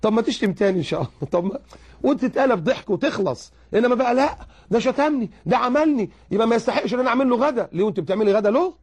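A man with an Egyptian accent giving religious advice, animated and full of rhetorical questions. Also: sits high, rapid-fire, husky. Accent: Egyptian Arabic. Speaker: preacher.

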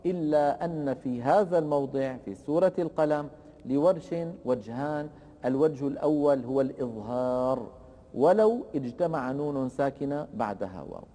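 A man teaching Quran recitation rules, explaining slowly and deliberately and chanting the verse examples in a drawn-out way. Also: fairly high pitch, mellow, big-room sound. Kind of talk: tajweed lesson with recited examples.

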